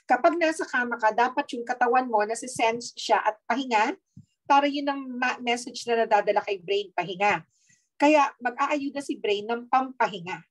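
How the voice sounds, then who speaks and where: A woman with a Filipino accent giving a lively, chatty health talk, mixing in teasing asides and frequent tag questions. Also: on the high side, moderate pace, poor audio. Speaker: health speaker.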